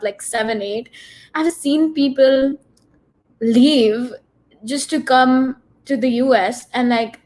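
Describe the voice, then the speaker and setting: Earnest woman filmmaker with many "likes". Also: on the high side. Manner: earnest, frequent "like" fillers. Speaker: filmmaker guest. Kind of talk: answering in a panel Q&A.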